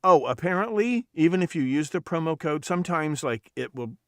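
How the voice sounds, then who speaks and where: A man's voice: on the high side, animated, fairly quick, no echo, clean studio sound. A man hosting a podcast livestream in casual chat, rambling and profane, often restarting his sentences. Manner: rambling, profane, self-correcting. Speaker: podcast host.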